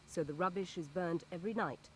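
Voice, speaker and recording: Measured woman news narrator over background noise. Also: lowish voice, low-quality recording. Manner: measured, formal reporting. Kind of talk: scripted documentary narration.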